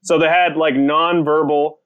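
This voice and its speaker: A young man, a comedian, telling stories on a podcast in a casual, animated way, laughing and swearing freely. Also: on the high side, unhurried, clear, resonant tone, phone-quality sound. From United States. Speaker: comedian guest.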